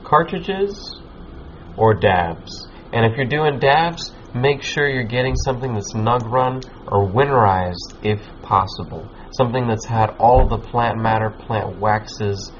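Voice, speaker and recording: A man's voice: medium pitch, animated, a little slow. A man chatting casually in a laid-back, slangy stoner manner, rambling and swearing as he hosts. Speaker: podcast host. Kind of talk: casual chat, giving advice. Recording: muffled lo-fi with background noise.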